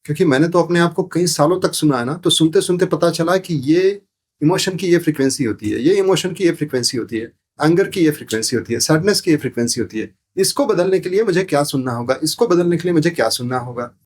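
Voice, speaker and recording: Speaking fast and with animation, this male podcast guest has a voice on the high side. He teaches sound therapy and lays out spiritual concepts during the interview, teaching as he goes, circling back to the same phrases and asking questions he doesn't expect answered.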